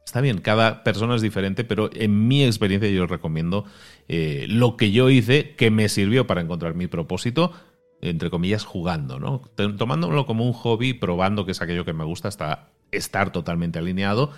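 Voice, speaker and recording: A middle-aged man hosts a relaxed podcast chat in a lowish voice. He talks animatedly, laughs often and drops to quieter asides. Soft music plays faintly behind him. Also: brisk. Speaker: podcast host. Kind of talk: casual podcast conversation.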